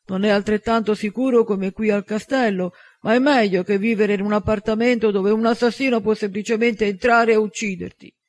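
A man's voice: sits high, steady tone, fairly quick, few pauses, dry recording, close to an everyday voice. A man voicing a firm, protective man who commands wolves, in an audiobook. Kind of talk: audiobook dialogue.

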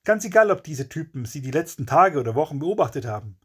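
A man reads a crime story aloud with dramatic, punchy delivery. His voice sits a touch high and is husky, swinging widely in pitch to push the tension. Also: sing-song, fast. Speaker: narrator. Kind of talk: scripted audiobook narration.

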